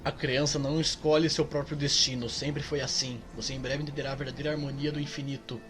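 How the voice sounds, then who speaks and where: A man's voice: mid-range voice, flat delivery, fast talker, lightly acted. A man voicing a cold eternal cult entity. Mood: ominous.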